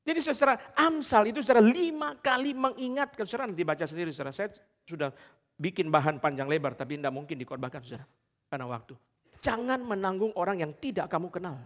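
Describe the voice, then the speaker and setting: A man's voice: sits high, lively intonation, fast talker, fairly bright tone. A male pastor preaching a sermon, emphatic and repeatedly addressing the congregation. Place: large church hall. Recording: long church hall reverb.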